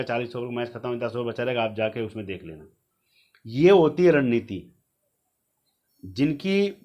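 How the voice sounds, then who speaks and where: Man, chatty tipster, talks straight to viewers, slightly raised pitch. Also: lo-fi sound. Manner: chatty, repetitive, advising directly. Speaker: fantasy cricket tipster. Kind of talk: casual explainer monologue.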